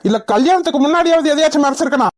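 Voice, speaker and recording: A woman's voice: high voice, very fast, a little mellow, natural voice. A woman voicing a hot-tempered young husband in a cartoon, harshly interrogating his wife. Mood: furious. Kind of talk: Tamil cartoon voice acting.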